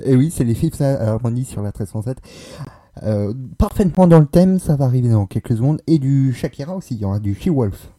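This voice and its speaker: A man's voice: medium pitch, animated, a little fast, warm tone. A man co-hosting a live radio show, introducing songs in a casual, hesitant way with many fillers. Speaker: radio co-host.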